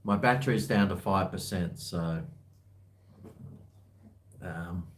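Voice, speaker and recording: A man's voice: sits low, slow, slight background noise. A man chatting casually on a livestream, rambling in blokey, laid-back slang. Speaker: livestream host. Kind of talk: casual livestream chat, answering viewer comments.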